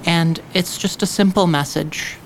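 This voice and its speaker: Slow, low-voiced woman game player. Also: a little hiss or hum, low-quality recording. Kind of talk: narrating character actions in a role-playing game.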